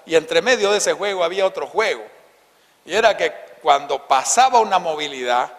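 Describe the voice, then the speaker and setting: A man in his fifties with a Santa Cruz Bolivian accent, preaching a sermon and telling a childhood story, often dropping to soft, hushed tones. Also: on the high side, animated, normal speed, long reverb tail. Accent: Bolivian Spanish, Santa Cruz. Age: 50s. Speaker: pastor. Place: church hall.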